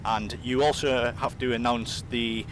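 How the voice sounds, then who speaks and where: Man demonstrating over engine rumble. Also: steady tone, a little slow. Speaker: presenter of a flight simulator demonstration. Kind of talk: casual software demonstration commentary. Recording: rumbling engine noise behind. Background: simulator aircraft rumble.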